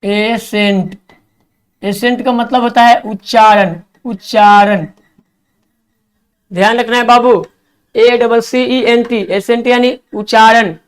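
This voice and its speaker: Male vocabulary teacher, clear resonant delivery, spelling letter by letter, hurrying his class along. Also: extremely high pitch, steady tone. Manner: spells words letter by letter, coaxing students to write fast.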